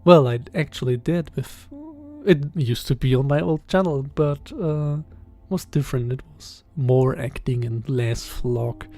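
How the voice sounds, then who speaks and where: A young man in his twenties with a German accent, talking casually in a podcast-style voiceover, hesitant and halting with many fillers and soft chuckles. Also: mid-range voice, soft background music. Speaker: channel host. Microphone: voiceover recorded separately.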